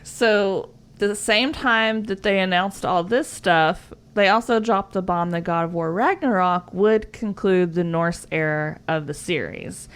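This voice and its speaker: A woman's voice: lowish voice, unhurried, few pauses, smooth. A woman co-hosting a podcast in casual chat, sharing facts in a chatty, giggly way with lots of "like" fillers. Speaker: podcast co-host.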